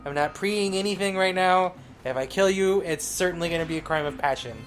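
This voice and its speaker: A man's voice: sits high, brisk, faint music behind. A man co-hosting a casual gaming podcast, talking in a dry, teasing way. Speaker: co-host.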